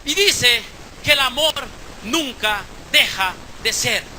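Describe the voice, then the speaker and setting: A man preaching a sermon as pastor, moving from hushed storytelling to shouted exhortation. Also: very high voice, expressive, slow, slight background noise. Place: church service, live stream.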